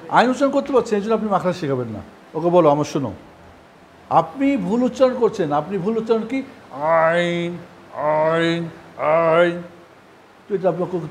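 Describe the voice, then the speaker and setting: Man, from Bangladesh, Quran recitation teacher, high voice, repeats letter sounds, patient. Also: a little mellow, slight background noise. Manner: drills Arabic letter sounds by repetition; patient and encouraging. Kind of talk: live recitation lesson.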